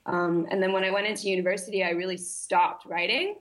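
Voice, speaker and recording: A woman's voice: medium pitch, steady tone, fairly quick. A young woman, a nutritionist guest, telling her personal story earnestly with many fillers and restarts. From grew up internationally, partly in Malaysia. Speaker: podcast guest, holistic nutritionist.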